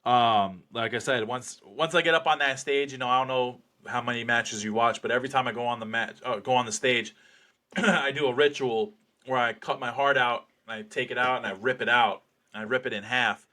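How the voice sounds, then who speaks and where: A man's voice: mid-range voice, fairly even intonation, fairly quick, bright, forceful tone. A man being interviewed as a fighter, chatting casually with cocky, sweary bravado.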